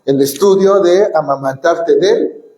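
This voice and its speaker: A man's voice: on the high side, slow pace, mellow. A man giving a talk to an audience and leading breathing exercises, often asking them questions. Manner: questions the audience often, leads call-and-response drills. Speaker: martial arts teacher giving a talk. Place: large echoey hall with an audience. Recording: roomy hall echo.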